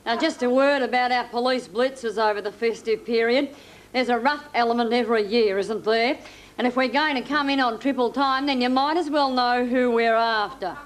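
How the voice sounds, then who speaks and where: A woman's voice: fairly high pitch, normal speed, lightly acted. A woman playing an officious police spokesperson giving a holiday safety briefing in a TV comedy sketch, with a studio audience laughing.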